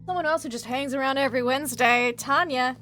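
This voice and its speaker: A woman's voice: high voice, quick pace, pushed and bright, soft background music. A woman game master hosting a casual wrap-up chat after a game.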